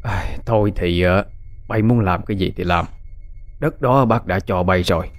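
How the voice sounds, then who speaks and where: A man with a Southern Vietnamese accent voicing an elderly village uncle who speaks slowly and warns with grudging caution. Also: deep voice, lightly acted.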